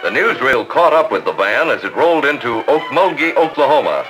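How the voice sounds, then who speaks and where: A man's voice: mid-range voice, very animated, fairly quick, loud music behind the voice, low-quality recording. A man narrating a 1950s corporate newsreel in a polished, promotional announcer manner.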